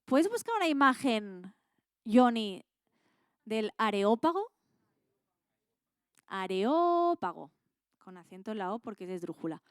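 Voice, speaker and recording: A woman's voice: on the high side, sing-song, brisk, smooth, no room sound, studio quality. A woman with an accent from Spain, teaching a Bible class in a casual, colloquial way and quizzing her students with questions.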